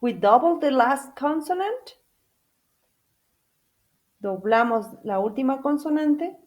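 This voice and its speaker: Slow, higher-voiced woman teaching English grammar. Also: animated. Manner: spells out letters and repeats each example slowly; checks in with the class through questions. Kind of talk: bilingual grammar lesson.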